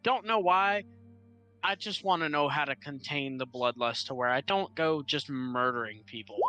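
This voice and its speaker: A man with a bright, fairly high voice talks casually as a player in a tabletop game. He takes his time and hesitates as he thinks aloud, with music playing softly behind him. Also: normal speed, clear, resonant tone. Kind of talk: casual in-character improvised chat.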